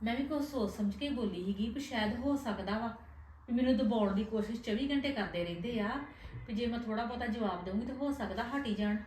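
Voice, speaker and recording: A woman's voice: on the high side, fast, darkish tone. A woman with a Punjabi accent in a scripted family drama, chatty on the phone, aggrieved and defensive. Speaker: wife in a family web drama. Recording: echoey room with faint background noise.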